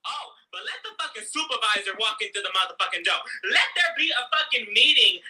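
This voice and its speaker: Loud, bright, profane ranting woman. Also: on the high side, expressive, fairly quick, rough recording. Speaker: ranting storyteller. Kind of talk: profane rant to camera. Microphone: desk camera mic.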